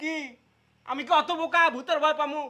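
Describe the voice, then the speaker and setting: A man's voice: very high-pitched, steady tone, fairly quick, exaggerated voice. A man playing a teasing, jumpy father-in-law. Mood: indignant. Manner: playful, mocking, shouts in panic. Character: teasing, easily spooked village father-in-law. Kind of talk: comic TV drama acting.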